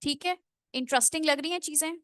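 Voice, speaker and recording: A woman teaching English pronunciation in an online class, switching between Hindi and English, drawing out model phrases slowly and checking in with students often. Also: sits high, a bit bright, dry recording, studio quality. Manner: slow, drawn-out model phrases, with frequent check-ins. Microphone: computer mic on a screen-shared video call.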